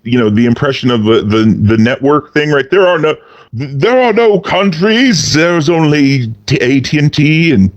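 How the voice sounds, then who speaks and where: A man rants through a casual podcast chat, cursing freely and leaping up and down in pitch to hammer his points. The audio is dull and lo-fi, with a dry, close sound and no room echo. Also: lively intonation, moderate pace. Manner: profane, ranting, swings pitch wildly for emphasis. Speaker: podcast co-host.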